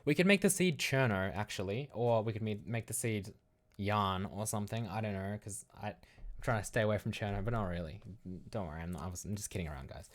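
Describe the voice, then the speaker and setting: This Australian livestreamer from Melbourne has a lowish voice and talks fast, chatting casually while he rambles and works through his thoughts aloud.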